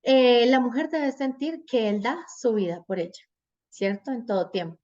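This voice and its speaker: A woman's voice: on the high side, normal speed, dull audio. A middle-aged woman teaching a parenting class, telling family stories and often checking in with "¿cierto?". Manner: animated, asks "¿cierto?" often.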